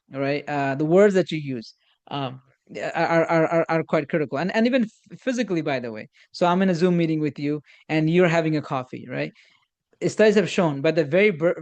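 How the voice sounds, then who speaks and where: Halting man teaching active listening. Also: fairly high pitch, darkish tone. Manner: halting, many repeated starts and fillers; acts out sample dialogue. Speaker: instructor on communication. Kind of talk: informal workshop lecture.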